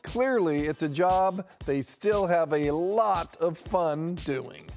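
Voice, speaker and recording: A man's voice: fairly high pitch, expressive, takes it slowly, a little mellow, soft background music. A man hosting an entertainment program, reading polished scripted narration. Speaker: host.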